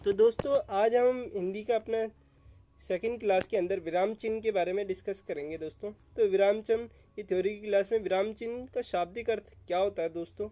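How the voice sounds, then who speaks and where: A man's voice: high-pitched, brisk, mellow, no echo. A man teaching an online exam-prep lesson, calling his viewers friends and explaining with examples.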